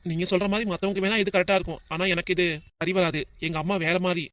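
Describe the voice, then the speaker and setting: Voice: mid-range voice, steady tone, fast, a bit bright, dry recording, lightly acted. Actor doing a hesitant young cartoon student. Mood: refusing. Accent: southern Tamil Nadu. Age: 20s. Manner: hesitant, firm refusals. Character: cautious 20-year-old male student, dutiful son. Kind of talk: cartoon voice acting.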